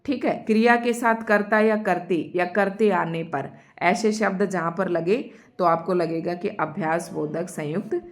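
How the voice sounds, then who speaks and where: This Hindi grammar teacher, pitched fairly low, works online with her students, explaining terms one step at a time. Example sentences get slow repetition, and she speaks straight to the class.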